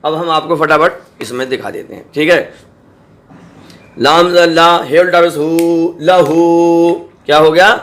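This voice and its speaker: A man teaching Quran reading, spelling out syllables slowly and patiently and often checking that students follow. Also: a little high, steady tone. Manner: checks in with "samjhe?" and "theek hai". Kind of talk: spelling-out recitation lesson.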